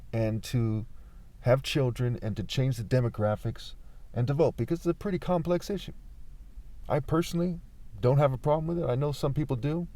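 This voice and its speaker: A man's voice: mid-range voice, dark tone. A man giving an informal political monologue, argumentative, leaning on rhetorical questions and repeating his points. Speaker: political commentator.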